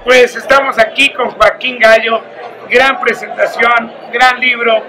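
A man's voice: very high voice, level tone, measured pace, over music, poor audio. A man hosting a show, interviewing a guest in a chummy, joking, curious way at an indoor event. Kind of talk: casual interview. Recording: background noise.

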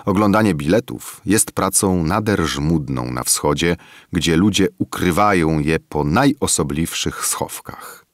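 A man narrating a classic novel as an audiobook, in a measured, expressive storytelling manner. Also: low-pitched, dry recording, clean studio sound.

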